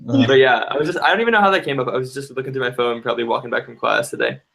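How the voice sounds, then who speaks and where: A man's voice: medium pitch, racing, creaky, pushed and bright. A man in his twenties in casual chat on a video call, chatty and laughing often. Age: 20s.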